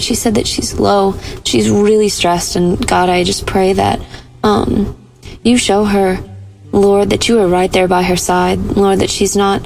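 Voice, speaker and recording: A woman prays aloud in an earnest, gentle voice, pausing now and then with small fillers. Her tone stays even and level, with a gravelly edge. Soft music plays faintly underneath. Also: medium pitch, low-quality recording. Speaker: caller praying for listeners. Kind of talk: spoken prayer.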